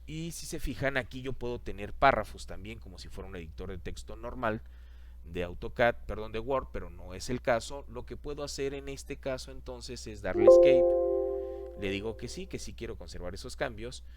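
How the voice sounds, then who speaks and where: A man teaching a software lesson over a screen recording, talking the class through each click and repeating the steps. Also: mid-range voice, expressive, moderate pace, over music.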